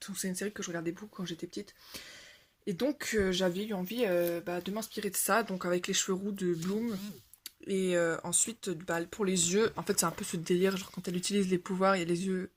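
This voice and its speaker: A woman's voice: lowish voice, steady tone, brisk, slight background noise. Young adult woman, casual coloring-channel host, rambling and full of fillers. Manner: rambling, self-correcting, many fillers. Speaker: coloring video creator. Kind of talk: casual show-and-tell chat.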